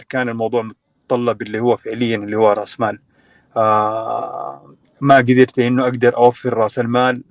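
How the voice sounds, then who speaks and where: A young Sudanese man with a mid-range voice tells his story as a guest in a casual online chat, full of fillers and restarts. There's no echo on the recording.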